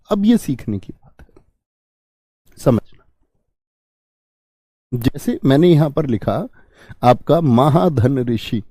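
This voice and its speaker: Man teaching in a mellow, close voice. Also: on the high side, no room sound. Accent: Hindi. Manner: explains step by step, asks and answers his own questions; friendly, calls viewers friend and brother. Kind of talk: online grammar lesson.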